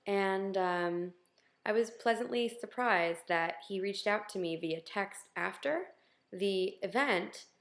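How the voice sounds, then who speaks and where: Candid woman vlogger with a gravelly voice. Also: mid-range voice, slow pace. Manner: candid, self-deprecating, many ums. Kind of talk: casual video diary.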